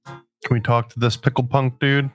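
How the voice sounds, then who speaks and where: A man's voice: mid-range voice, flat delivery, moderate pace. A man co-hosting a let's play, chatting casually as he plays the game. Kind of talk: casual gameplay chat. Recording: game music clearly behind the voice. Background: video game music.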